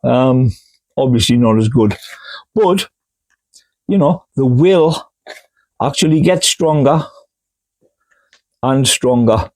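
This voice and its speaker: A man's voice: medium pitch, lively intonation, slow pace, long pauses, darkish tone. A man chats casually as host while potting plants indoors, rambling and homely, with hiccups. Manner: rambling, homely, full of fillers. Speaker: gardening channel host. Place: indoors in a cool grow room.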